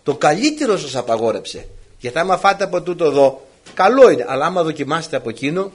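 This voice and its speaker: A man voicing a sly, wheedling serpent who tempts a woman, with a husky voice. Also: fairly high pitch, big pitch swings. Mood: coaxing.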